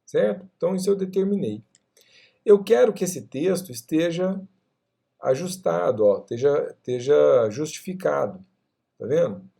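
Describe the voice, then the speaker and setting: A man with a Brazilian Portuguese accent teaching design software in a screen-recorded tutorial, talking through each menu step by step and checking in with the viewer as he goes. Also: fairly high pitch, creaky. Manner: explanatory, frequent "tá?" checks, walks through menus step by step.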